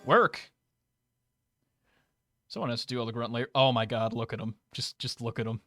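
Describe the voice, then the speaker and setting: A man at an ordinary mid pitch, chatting his way through a game on a live stream. His tone is sarcastic and offhand. He drops crude jokes and mutters asides as he goes. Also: normal speed, pushed and bright, dry recording, faint music behind. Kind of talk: casual live game commentary.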